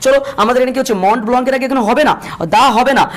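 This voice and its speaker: A man teaching a grammar lesson, repeating points and slowing down to spell out examples. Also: very high voice, steady tone. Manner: repetitive, drills points, slows to spell out examples. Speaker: English teacher.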